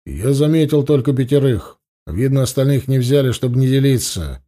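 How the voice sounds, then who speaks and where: A man voicing Arii, a calm, practical archer speaking low and level. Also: moderate pace, natural voice. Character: calm grown male archer, matter-of-fact.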